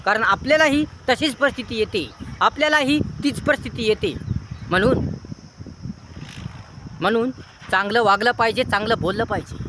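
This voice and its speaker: A man's voice: very high voice, normal speed, long pauses, noisy background. A man giving a preachy moral talk, listing near-synonyms in long repetitive chains. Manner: earnest, preachy. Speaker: motivational speaker. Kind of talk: moral advice monologue.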